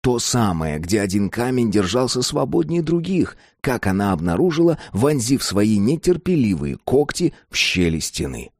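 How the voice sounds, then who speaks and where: A man narrating a story in a measured, expressive reading. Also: on the low side, no echo, studio quality. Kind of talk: scripted narration.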